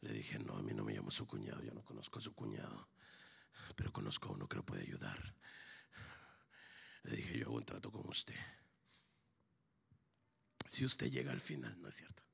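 A male pastor delivering a sermon as a dramatic story, acting out both sides of a conversation. His voice is heavily gravelly and raspy, with a bright, forceful tone. He climbs to loud shouts and drops to hushed whispers. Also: rumbling low, lively intonation, moderate pace, long pauses.

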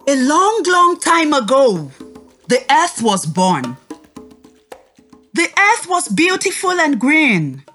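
A teacher leads a children's read-aloud lesson, teaching young kids through a story in a high, very lively voice. She speaks extremely slowly and deliberately, expressive and prompting the listeners to repeat after her, with music playing behind.

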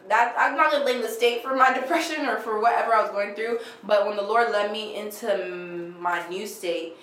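Young woman co-host, animated testimony chat, roomy echo, faint ambience. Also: mid-range voice, slight background noise. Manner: animated, filler-heavy testimony with laughs. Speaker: podcast co-host. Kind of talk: casual faith podcast chat. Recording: echoey room with faint ambience.

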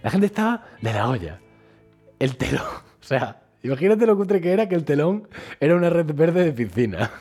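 A man chats on a podcast. He tells stories animatedly and acts out the crowd's voices. His voice is husky and full of pitch swings, with faint music behind him. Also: very animated, moderate pace, darkish tone. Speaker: podcast co-host. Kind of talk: casual chat.

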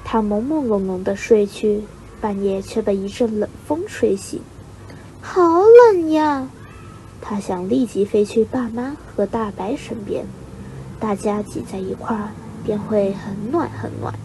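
A teenage girl reading a children's story aloud, steady and expressive, as a student reader. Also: medium pitch, moderate pace, a little hiss or hum, rough recording. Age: teens. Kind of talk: storybook narration.

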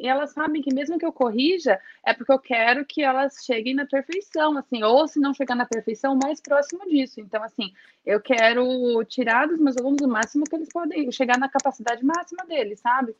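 A woman's voice: high voice, brisk, hardly any pauses, highs cut off, a little hiss or hum. A woman with a Brazilian Portuguese accent, an English teacher as interview guest, upbeat and encouraging. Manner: encouraging, upbeat, laughs often. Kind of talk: casual interview chat.

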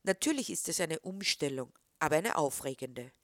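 Low-voiced woman narrating calmly. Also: normal speed, dry recording, studio quality. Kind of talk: scripted narration.

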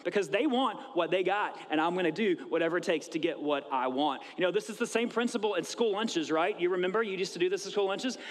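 High-voiced pastor preaching in a hall. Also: male voice, quick pace, hardly any pauses. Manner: conversational preaching, acts out little dialogues. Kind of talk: sermon. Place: church sanctuary. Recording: long reverb of a church hall.

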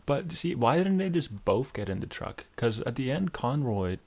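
A young man co-hosting a podcast, chatting casually about a film with relaxed, agreeable remarks. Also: medium pitch, normal speed. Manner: laid-back, agreeable interjections. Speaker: podcast co-host.

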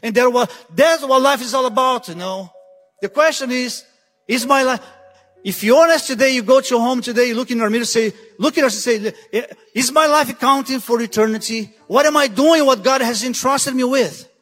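High-voiced guest preacher, hall reverb. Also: male voice, moderate pace, a bit bright, soft background music. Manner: urgent, repeats "listen" to drive points home. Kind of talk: sermon. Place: church sanctuary. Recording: long church hall reverb.

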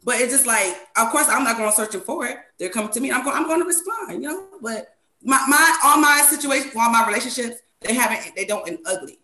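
A woman's voice: a little high, lively intonation, fast, sharp tone. A woman chatting candidly as a panelist, emphatic and often repeating phrases for weight. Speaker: talk show panelist. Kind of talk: casual, candid chat. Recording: roomy, echoing sound.

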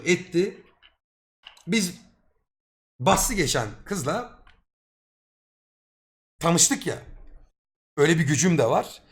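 A young man tells a long personal story to his live stream audience, his voice sitting a little on the high side. He talks in loose street slang and swears freely, getting excitable as he goes. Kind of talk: casual storytelling to a live chat.

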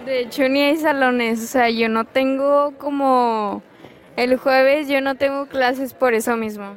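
A woman's voice: high-pitched, fairly even intonation, a little slow, some chatter behind. A young woman asking a classmate short interview questions outdoors at school, with a light, giggly manner. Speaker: student interviewer. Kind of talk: casual interview.

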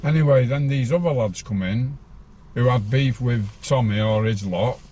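A man's voice: mid-range voice, moderate pace, warm tone. A man, telling his life story bluntly as an interview guest. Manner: rambling, blunt, laughs while telling.

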